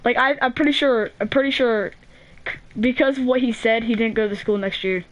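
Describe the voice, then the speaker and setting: A woman's voice: fairly high pitch, a little fast, muffled recording. A teenage girl hosting a gaming channel, telling a story in a rambling, casual way full of "like", restarts and swearing.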